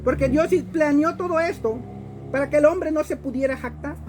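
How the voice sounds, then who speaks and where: Mexican woman preaching, high voice, emphatic, keeps repeating words as she goes. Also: normal speed, noisy background. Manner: emphatic, repeats words while searching for them. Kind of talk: sermon.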